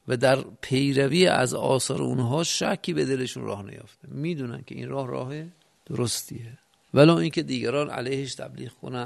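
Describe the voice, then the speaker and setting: A man's voice: mid-range voice, gravelly. A man giving a religious lecture, explaining a point step by step with rhetorical questions and reciting phrases in classical Arabic. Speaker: cleric teaching religious text.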